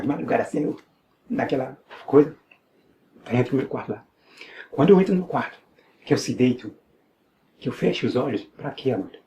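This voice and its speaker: A man's voice: mid-range voice, dark tone, a little hiss or hum. A man with a Brazilian Portuguese accent giving an earnest personal religious testimony, repeating phrases and restarting often. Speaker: evangelical believer giving testimony.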